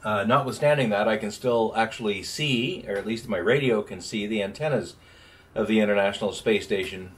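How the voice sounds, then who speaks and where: The speaker is a 60s-aged man with a fairly low voice who talks fairly quickly. As an amateur radio operator and vlogger, he explains things informally and calls out over the radio in a small home office. A distant camera mic records him, and the room is noisy.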